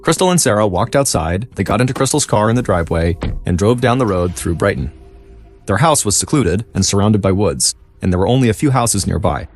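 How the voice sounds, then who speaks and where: Man, low voice, animated delivery, dramatic true-crime narration, faint music underneath. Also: brisk. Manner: dramatic storytelling, lively intonation. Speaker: podcast narrator.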